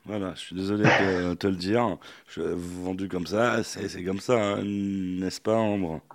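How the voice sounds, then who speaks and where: A man's voice: low-pitched, fairly even intonation, measured pace. A man hosting a radio talk show, teasing his guest in a loose, playful chat. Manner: playful, teasing, many fillers.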